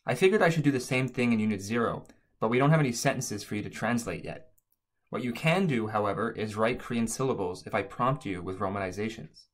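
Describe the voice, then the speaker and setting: A man's voice: fairly low pitch, expressive, quick pace. A man narrating an instructional language lesson as a teacher, explaining things step by step.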